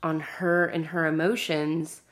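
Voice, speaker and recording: A deep-voiced woman in her thirties hosts a podcast, speaking at a measured pace with a level tone. Her earnest, encouraging monologue is aimed right at listeners and sometimes falls to a soft whisper.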